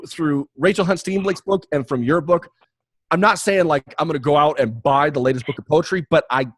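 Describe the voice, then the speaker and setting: Male podcast host, animated delivery, joking and rambling, dry close sound. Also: on the high side, dry recording. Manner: jokey, rambling, many restarts. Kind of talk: casual podcast chat and promo read.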